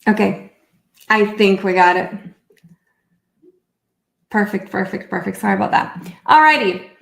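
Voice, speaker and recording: A woman's voice: medium pitch, animated, unhurried, vocal fry, a bit bright, reverberant. Upbeat Brazilian-born woman hosting a webinar. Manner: chatty and upbeat, thinking aloud while fixing screen sharing. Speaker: myofunctional therapist hosting a live webinar. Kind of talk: casual live-stream presentation.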